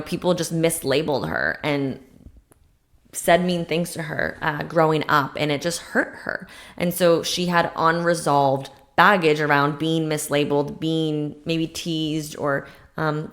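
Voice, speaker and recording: A young woman hosting a podcast, talking through advice in a chatty, casual way, often adding "like" and "right?" and acting out short exchanges. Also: low voice. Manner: chatty, fills speech with "like" and "right?"; acts out little dialogues in a brighter voice. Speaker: podcast host.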